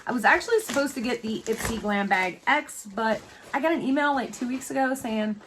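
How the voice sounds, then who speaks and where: A woman's voice: on the high side, lively intonation, a little fast, background noise. A woman chatting casually as she unboxes beauty products, thinking aloud and laughing often. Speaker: beauty vlogger.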